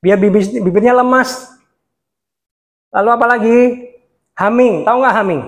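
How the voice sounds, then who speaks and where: A man with a touch, teaching beginners how to preach in a lively workshop style, swinging his pitch up and down and laughing often. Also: moderate pace. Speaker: preaching trainer. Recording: echoey room sound.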